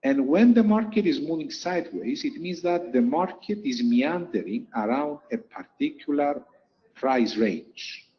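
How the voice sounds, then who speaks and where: A man's voice: a little high, expressive, unhurried, lo-fi sound. A man teaching a lesson over chart slides, explaining step by step and repeating key points for emphasis. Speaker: trading instructor.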